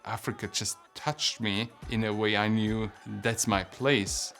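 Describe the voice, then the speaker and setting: A middle-aged man with a Swiss German accent giving a personal testimonial in deliberate, non-native English, phrase by phrase. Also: on the low side, fairly even intonation, a bit bright, faint music behind. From Switzerland. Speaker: patient telling his story.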